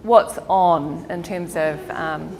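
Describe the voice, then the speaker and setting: A woman from New Zealand speaks slowly in a lowish, slightly mellow voice while giving a relaxed career counselling workshop to an audience. She laughs frequently, and the meeting hall lends a long reverb.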